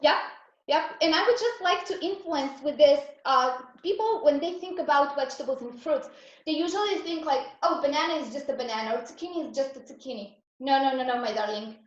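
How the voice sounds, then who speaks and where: With a high voice and a slightly quick pace, the Serbian-accented woman from Serbia walks her raw vegan cooking class through each step, earnest and encouraging. The audio is lo-fi and drenched in heavy reverb.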